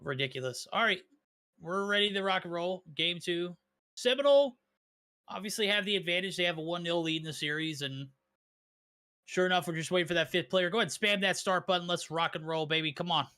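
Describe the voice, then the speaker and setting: A man's voice: high-pitched, fairly quick, pushed and bright, clear, resonant tone. A man casting an online esports tournament, upbeat and joking, hyping up the match. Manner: upbeat, hype-driven and joking. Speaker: esports caster. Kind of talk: play-by-play commentary.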